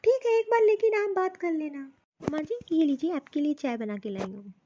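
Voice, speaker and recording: A woman's voice: high voice, lively intonation, fairly quick, background noise. A woman voicing a touchy young city daughter-in-law. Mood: irritated. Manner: curt, complaining. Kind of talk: cartoon voice acting. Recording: dull, dry lo-fi recording.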